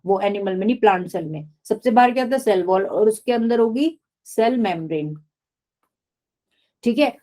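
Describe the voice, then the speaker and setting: A woman's voice: mid-range voice, dark tone. A woman teaching biology in a live online class, explaining step by step and often asking the class questions.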